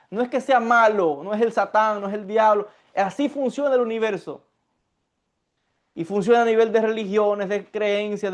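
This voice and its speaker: A man giving a Kabbalah lecture, talking in an animated way, acting out sighs and mock crying and repeating his phrases for emphasis. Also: high-pitched, highs cut off. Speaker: Kabbalah teacher.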